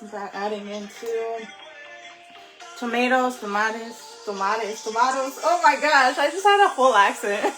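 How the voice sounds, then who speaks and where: A woman's voice: fairly high pitch, fairly bright tone, reverberant. Chatty woman cooking, talking to viewers. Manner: chatty, addresses viewers as y'all, laughs at herself. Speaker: home cook vlogger. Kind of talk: casual cooking vlog. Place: home kitchen.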